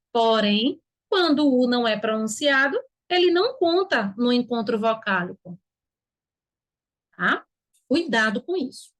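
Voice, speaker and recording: A high-pitched Brazilian woman teaches an online Portuguese lesson. She sounds words out slowly, one syllable at a time, then checks in with her students before moving on. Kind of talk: online exam-prep lesson.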